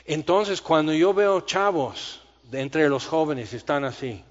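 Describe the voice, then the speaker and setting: A man's voice: on the high side, animated. Brief: male preacher, theatrical, rambling storyteller, dull lo-fi sound with long hall reverb. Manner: self-described long-winded, talks fast and theatrically. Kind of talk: sermon.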